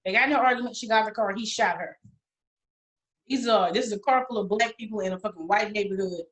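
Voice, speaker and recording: A woman's voice: mid-range voice, fast talker, fairly bright tone. A young adult woman co-hosting a podcast, talking bluntly and emphatically with frequent swearing in casual chat. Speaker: podcast co-host.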